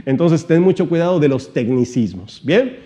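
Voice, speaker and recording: A man giving an animated seminar-style teaching talk, shifting his volume and pitch and asking many rhetorical questions. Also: normal speed. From Mexico. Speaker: motivational trainer.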